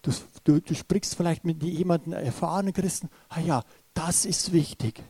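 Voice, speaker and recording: A man preaching in a fairly high voice, recorded dry and close with almost no room sound. He hesitates and restarts often, filling gaps with small sounds. He also turns to his listeners and speaks to them directly and urgently. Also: normal speed, darkish tone, husky, no echo. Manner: retells a story, often restarting with hesitant fillers. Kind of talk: sermon.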